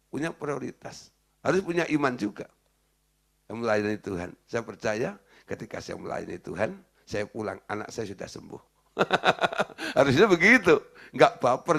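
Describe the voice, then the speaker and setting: A man's voice: on the high side, gravelly, fairly bright tone, slightly rough. A man preaching a casual sermon as a pastor, firing rhetorical questions at the congregation and laughing at his own points. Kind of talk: conversational sermon.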